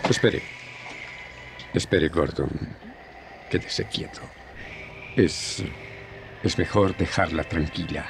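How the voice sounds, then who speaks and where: An actor playing a noble, fearless, serene hero in a radio adventure serial, solemn and declamatory. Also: male voice, very deep voice, slow, creaky, long pauses, noisy background, exaggerated voice. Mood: calm.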